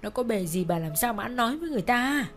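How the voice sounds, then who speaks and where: Woman doing a pleading gentle father. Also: a little high, lively intonation, fast, faint music behind, voice pushed up, lightly acted. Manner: pleading, tearful. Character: gentle pleading father, middle-aged man.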